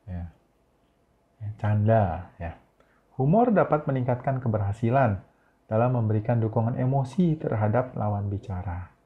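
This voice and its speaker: A male teacher giving a recorded lesson, explaining patiently and tagging many sentences with a questioning "ya". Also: lowish voice. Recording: tinny phone-like recording.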